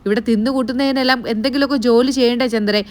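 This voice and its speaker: A woman's voice: fairly high pitch, steady tone, rapid-fire, pitched above the performer's own voice, natural voice. A woman voicing an angry elderly grandmother who scolds her family in a raised voice. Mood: scolding.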